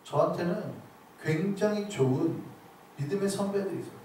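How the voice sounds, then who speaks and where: A male pastor preaches with a high, sweeping voice that rises and falls. He poses rhetorical questions to his congregation. His voice reaches the mic from a distance and rings through a very echoey church hall, with a faint room hum beneath. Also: lively intonation, brisk, warm tone. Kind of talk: sermon.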